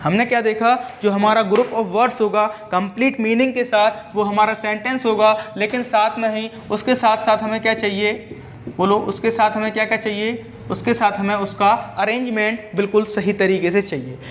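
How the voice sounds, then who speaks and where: A man's voice: sits high, fairly even intonation, moderate pace, a little hiss or hum. A male teacher giving a grammar lecture. He keeps asking the class questions and answering them himself, and he mixes English grammar terms into his explanation. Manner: repeats each point as a question and answers it himself.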